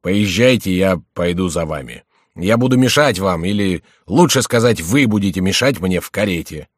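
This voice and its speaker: A man voicing a gruff, grumbling soldier companion with sardonic remarks, in an audiobook reading. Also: deep voice, animated, moderate pace, no echo, studio quality. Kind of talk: audiobook character voice.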